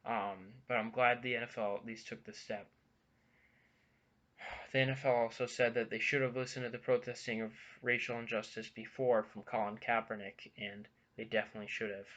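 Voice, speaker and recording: A young man giving casual news commentary in a vlog, halting and earnest, with many ums and restarts, a bit out of breath. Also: mid-range voice, level tone, fairly bright tone, lo-fi sound. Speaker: vlogger.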